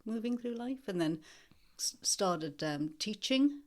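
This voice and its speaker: A lecturer in her fifties from the northeast of England speaks as an interviewee in a mid-range, darkish voice with lively intonation. She's thoughtful and measured, and pauses frequently.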